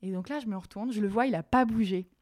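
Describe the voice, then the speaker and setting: A woman's voice: quick pace, no echo. Young woman, casual storytelling, chatty with fillers, mid-height voice, dry close sound. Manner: animated, many fillers, voice jumps high and loud when reliving anger.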